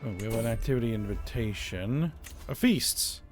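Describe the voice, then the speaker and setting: A man's voice: mid-range voice, animated, normal speed, soft background music. A man giving casual commentary while playing a strategy game, thinking aloud and often saying "all right". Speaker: strategy game let's-player.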